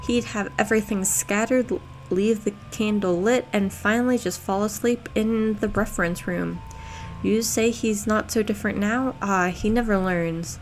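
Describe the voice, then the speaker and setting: A woman reading aloud a gentle, chatty young woman in a video game, soft-spoken. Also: mid-range voice, moderate pace, faint music behind, lightly acted. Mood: fond.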